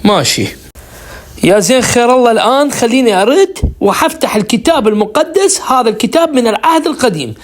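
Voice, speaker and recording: A man's voice: very high-pitched, animated, fast. A man, a caller in a heated religious debate, insisting on a chance to answer and explain.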